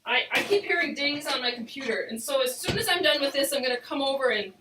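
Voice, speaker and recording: A woman's voice: sits high, lively intonation, fast, noisy background. A middle-aged woman chatting enthusiastically and ramblingly as she hosts a casual live craft tutorial, with a hollow, cave-like off-mic sound. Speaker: crafting host and demonstrator.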